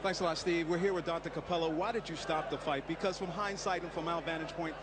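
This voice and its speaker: A man's voice: a little high, fairly even intonation, quick pace. A man doing a live post-fight interview as a ringside reporter, with pressing, challenging questions. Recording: loud arena crowd and noise.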